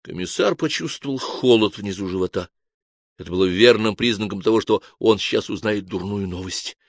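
A man narrating an audiobook with an expressive, scripted reading. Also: on the low side, a little fast, no room sound, studio quality.

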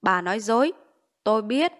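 A harsh old village official barks curt orders in an audiobook, voiced by a woman narrator. His words come short and loud, and he leaves no room for argument. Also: medium pitch, lively intonation, moderate pace, close to an everyday voice. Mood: stern. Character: stern old male village official, commanding. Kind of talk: audiobook character voice.

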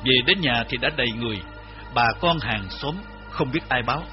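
A male narrator reads a first-person memoir in a grave, measured way. His voice sits at an ordinary pitch. The recording is slightly dull, with soft music in the background. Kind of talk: memoir audiobook reading.

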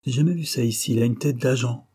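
A man voicing a big, brash young man who talks bluntly and provokes others with mocking calm. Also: medium pitch, fast talker, slightly rough, lightly acted. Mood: scornful.

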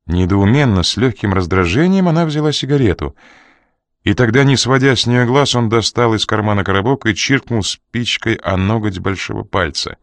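A man reading an audiobook in a measured, expressive narration. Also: lowish voice, dry recording, clean studio sound. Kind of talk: scripted narration.

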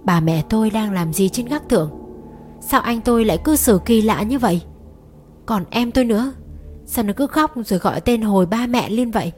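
A woman reading a first-person horror story aloud in a measured, suspenseful manner. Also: a little high, animated. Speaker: narrator. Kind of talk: scripted horror story narration. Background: soft music.

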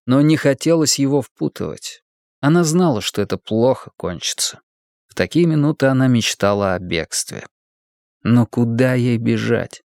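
Calm male audiobook narrator, dry sound. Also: mid-range voice, no room sound. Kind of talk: scripted narration.

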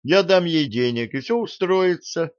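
Smooth-talking lying young man, read by a man, eager, persuasive, low voice, slow, dry dull audiobook sound. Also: very animated, no room sound.

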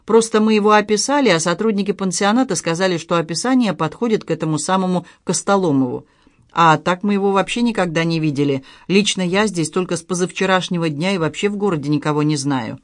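A narrator puts on a sharp-tongued middle-aged woman with an indignant, sardonic edge. She pushes back and complains readily. The recording is dry and close. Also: on the low side, fast, dry recording, close to an everyday voice. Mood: defensive.

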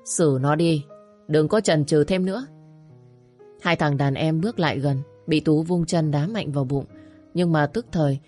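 A woman with a low, deep voice reads a dramatic story in a steady, scripted manner. Faint music plays softly beneath her narration.

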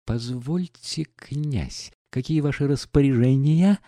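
A man's voice: mid-range voice, drawn-out words, a bit bright, dry recording, studio quality, voice pushed up. A man reading aloud, voicing a drunk, insolent landlord who is fawning yet indignant. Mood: drunken indignation. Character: tipsy, insolent middle-aged landlord.

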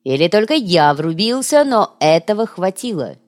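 A woman voicing a rough, slangy male gang boss who talks bluntly in an audiobook. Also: mid-range voice, very animated, normal speed, lightly acted. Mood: gruff.

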